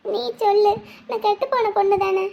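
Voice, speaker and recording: A woman's voice: very high voice, fairly even intonation, moderate pace, vocal fry, dark tone. A woman voicing a tearful, insecure young wife who speaks in a plaintive, pleading way in an amateur audio drama.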